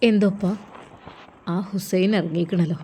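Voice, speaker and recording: A woman's voice: fairly even intonation, a little slow, dark tone, slight background noise, natural voice. A woman voicing an anxious, devout young woman who pleads. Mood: pleading. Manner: pleading, higher voice.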